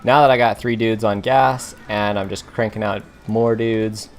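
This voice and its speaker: A man giving relaxed gameplay commentary, talking to himself and explaining each move as he plays. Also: on the low side, normal speed. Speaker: gaming commentator.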